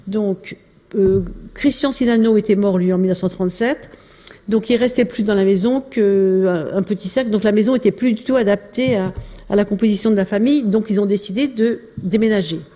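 A woman presents old photos and documents in a casual lecture, often pausing, restarting and filling gaps with little hesitations. Her voice is dark and mellow. It rings out with a long reverb, as in a large hall. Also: mid-range voice. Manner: hesitant, many fillers and restarts. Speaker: lecturer presenting family archives. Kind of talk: informal illustrated talk.

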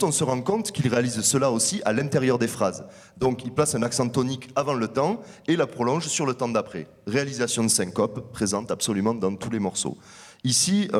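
A man giving an academic conference talk. He presents research findings in a measured, explanatory way. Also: mid-range voice. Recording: long hall reverb.

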